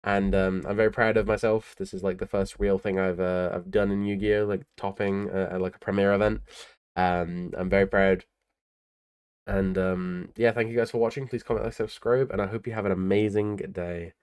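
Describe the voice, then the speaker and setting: A man's voice: sits low, steady tone, normal speed, a little mellow, clean tone. A tired young man casually talking through his tournament card deck in a laid-back, rambling way, with lots of ums and uhs. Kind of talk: casual deck profile talk.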